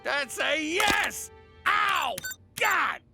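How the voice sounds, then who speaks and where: An actor playing a hot-headed, dopey husband in an adult cartoon, with a gravelly, blustering bellow. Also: male voice, sits high, very animated, unhurried, music in the background, exaggerated voice. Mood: elated.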